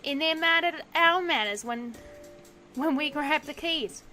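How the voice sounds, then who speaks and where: A man's voice: very high voice, measured pace, sharp tone, faint music behind, voice pushed up, full character voice. A woman voicing a young, angry male taxi driver in a video game, ranting heatedly in a put-on accent.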